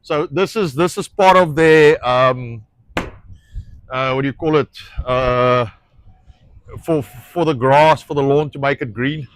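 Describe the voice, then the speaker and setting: The recording is rough, and the man speaks slowly at a medium pitch, pausing often. He is a South African ranch owner and show host with Afrikaans as his first language and an Afrikaans accent, casually discussing a ranch project outdoors while hunting for words through fillers and restarts, with occasional swearing.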